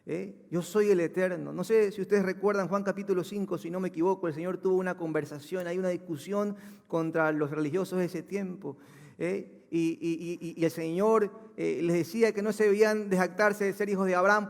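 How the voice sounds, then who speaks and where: A man's voice: high-pitched, gravelly. Casting: male pastor, emphatic sermon, reverberant church hall. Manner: emphatic preaching, rising to loud proclamations.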